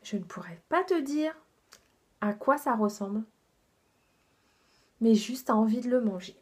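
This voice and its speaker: Husky-voiced woman, soft and unhurried. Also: on the high side, animated. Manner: chatty, enthusiastic, many fillers, softly half-whispered asides. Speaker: beauty vlogger. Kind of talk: casual makeup haul review.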